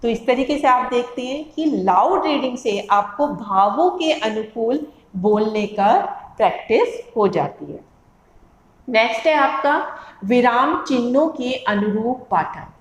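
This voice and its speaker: A woman teacher educator giving a lecture, explaining with everyday classroom examples and repeating key terms in two languages. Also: on the high side. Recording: echoey room.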